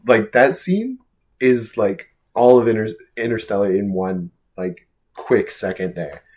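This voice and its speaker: A man's voice: fairly low pitch, unhurried, dark tone. A young man co-hosting a casual podcast chat, emphatic and fond of saying "dude.". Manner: emphatic, says "dude" often. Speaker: podcast co-host.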